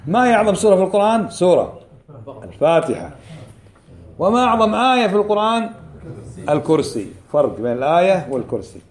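Male religious teacher, high-pitched, drills key phrases and quizzes the class. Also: big pitch swings. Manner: quizzes the class with quick questions; repeats key phrases slowly for emphasis. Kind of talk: religious lesson.

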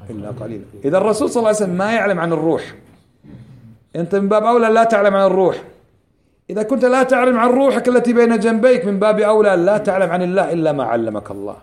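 Male religious teacher, high-pitched, drills key phrases and quizzes the class. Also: a little mellow. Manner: quizzes the class with quick questions; repeats key phrases slowly for emphasis. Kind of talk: religious lesson.

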